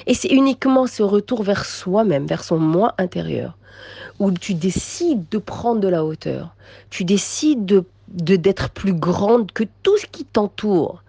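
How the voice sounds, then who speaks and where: A woman giving an inspirational religious talk to women, emphatic and repetitive, moving between soft passages and raised ones. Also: mid-range voice, animated, unhurried, vocal fry, breathy edge, dry recording. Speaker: religious teacher addressing women.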